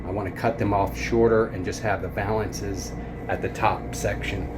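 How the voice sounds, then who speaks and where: Guy with a lowish voice showing off his camper reno, casual and folksy, inside a small trailer with noticeable hum. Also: steady tone, moderate pace. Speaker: vlogger showing an RV renovation. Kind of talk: casual walkthrough narration. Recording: background hum in small vehicle interior.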